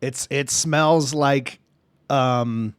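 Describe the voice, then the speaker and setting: A man narrating a tabletop game as game master, in a halting way with many fillers. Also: medium pitch, smooth, no room sound, studio quality.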